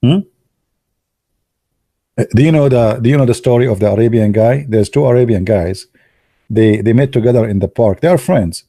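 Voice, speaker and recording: A man's voice: mid-range voice, normal speed, long pauses, mellow, no room sound, studio quality. A man joking and teasing his viewers in casual commentary, with non-native English phrasing. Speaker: video commentator.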